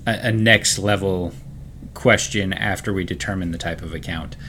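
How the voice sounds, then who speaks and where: A man who is a financial advisor co-hosting a podcast, explaining investment points in a measured casual way. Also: low-pitched, pushed and bright, a little hiss or hum. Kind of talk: casual chat.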